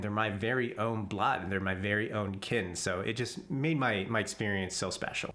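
In a fairly low but bright-toned voice, a vlogger tells stories of his time in the jungle as a relaxed voice-over recorded away from the jungle. He laughs a lot along the way and frequently starts his sentences over.

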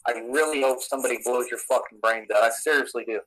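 A man ranting in a tense, sharp voice, swearing and making threats. He talks with swagger and aggression, his pitch sitting in an ordinary middle range. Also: quick pace, low-quality recording. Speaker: YouTuber in played clips.

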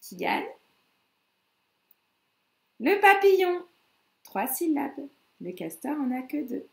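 Une enseignante qui parle à de jeunes enfants et scande lentement les syllabes des mots avec une intonation chantante. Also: female voice, sits high, expressive, creaky, darkish tone, echoey room. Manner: slow, syllable-by-syllable counting with sing-song emphasis. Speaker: kindergarten teacher. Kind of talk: teaching young children.

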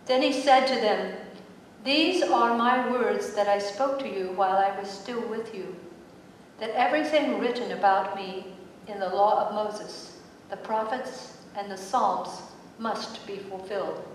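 A woman giving the scripture reading in a slow, measured way in a large church sanctuary. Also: medium pitch, slight background noise. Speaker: scripture reader. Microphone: distant room mic. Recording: echoey sanctuary from far off.

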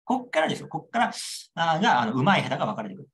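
A man's voice: a little high, sing-song, racing, fairly bright tone. A young man lecturing on a model exam answer, repeating key points and checking understanding with rhetorical questions.

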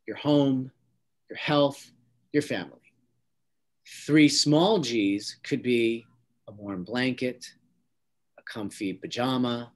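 A psychologist gives a calm instructional talk on stress and breathing techniques, guiding listeners step by step. He restarts frequently and speaks at a medium pitch.

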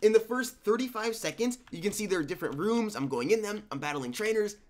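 A man's voice: high-pitched, lively intonation, fast talker, darkish tone. Man, young adult, sick voice, casual rambling voice-over, gaming channel host. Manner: rambling, conversational, restarts. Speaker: gaming YouTuber. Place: at home.

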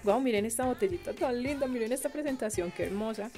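A young Colombian woman with a Colombian accent, chatting warmly with viewers as a beauty vlogger, gushing and exclaiming over products she unboxes. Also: a little high, expressive, quick pace, faint music behind. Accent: Colombian Spanish.

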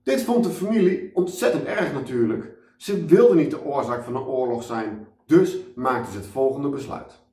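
Lively man reading a children's story. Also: medium pitch, normal speed, few pauses. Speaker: children's author reading aloud. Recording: echoey room, mic at a distance.

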